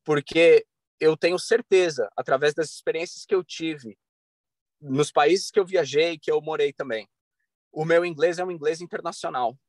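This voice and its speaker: A man's voice: a little high, normal speed, no room sound. Earnest Brazilian man on a video call. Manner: earnest, advising, many restarts and fillers. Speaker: podcast guest. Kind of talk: casual interview talk. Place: bright room at home. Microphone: video call webcam.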